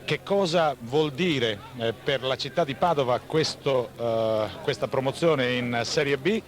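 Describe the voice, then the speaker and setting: A man interviews football guests for 1980s radio. His voice sits at a medium pitch, and he builds long, measured questions with hesitations along the way.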